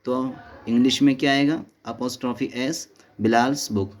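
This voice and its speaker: The speaker is a man with a mid-range, steady voice giving a step-by-step Arabic grammar lesson. He mixes Hindi-Urdu with English and Arabic terminology, answers questions he raises himself, and reads English notes from a textbook at a slow pace.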